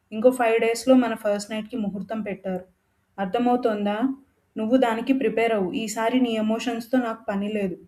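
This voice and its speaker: A woman's voice: fairly high pitch, mellow, lightly acted. A woman voicing a stern, possessive young man who gives cold commands.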